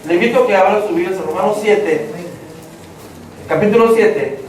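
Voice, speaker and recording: Man, lively sermon to the congregation, very echoey church hall, faint background noise. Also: sits high, moderate pace, recorded from a distance. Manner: lively, acts out inner voices, addresses the congregation directly. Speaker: preacher. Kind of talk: evangelistic sermon.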